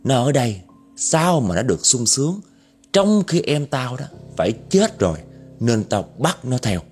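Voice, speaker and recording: A man voicing a husky vengeful female ghost. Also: medium pitch, very animated, a little slow, darkish tone, soft background music. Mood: bitter, menacing. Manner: snarling, threatening. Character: vengeful long-haired female ghost with fangs.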